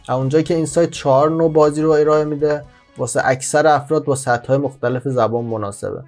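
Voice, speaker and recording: A man hosting a language-learning channel, explaining a screen-recorded word game step by step and slowing down on word meanings. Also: mid-range voice, darkish tone. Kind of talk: screen-recorded tutorial voice-over.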